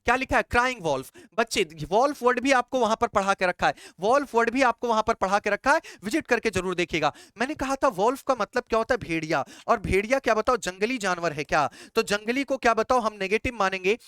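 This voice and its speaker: A young man teaching English idioms in a lively classroom style, repeating each question to his students and answering it himself. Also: high voice, fast talker, hardly any pauses, clear, resonant tone, dry recording, studio quality. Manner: chatty, calls listeners brother and child.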